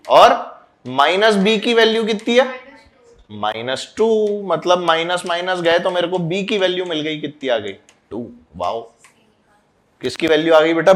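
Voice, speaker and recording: A man teaching a physics class, quizzing and scolding students as he mixes in English terms. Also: high voice. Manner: loud, scolding and urging. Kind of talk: classroom lecture.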